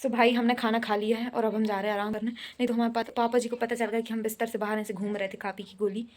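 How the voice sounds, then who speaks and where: A woman's voice: a little high, little pitch movement, fast talker, darkish tone, no room sound. A young woman who is unwell, chatting playfully in a casual home vlog, laughing often. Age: young adult. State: unwell with a fever. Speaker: vlogger. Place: family home, indoors and outdoors.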